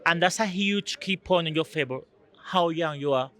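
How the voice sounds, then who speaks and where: Answering interview questions in a conversational style, an earnest Spanish man serving as an EU delegate talks at normal speed in a fairly high, slightly bright voice. He often searches for words, and his phrasing is non-native.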